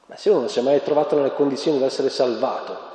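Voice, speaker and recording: A man's voice: mid-range voice, racing, dark tone. A man preaching a conversational sermon during spiritual exercises, ironic and asking his listeners questions. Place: parish church. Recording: echoey church hall.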